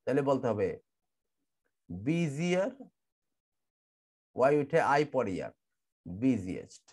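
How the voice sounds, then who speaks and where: Man, Bangladeshi accent, online English teacher, lively pitch, middle-range voice, repeats and spells words. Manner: explains grammar rules slowly, repeating words and spelling them out. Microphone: computer mic in an online class.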